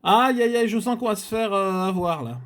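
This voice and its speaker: A man's voice: high voice, normal speed, a bit bright. A man from France hosting his own channel, giving casual running commentary as he scratches tickets, muttering and repeating letters aloud with frequent filler sounds. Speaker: scratch-card channel host.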